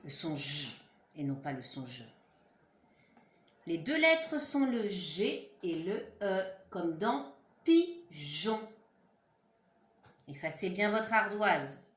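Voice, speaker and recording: A woman teacher slowly dictating words syllable by syllable to young children, encouraging and patient. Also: lowish voice, big pitch swings, echoey room. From France. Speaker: primary school teacher.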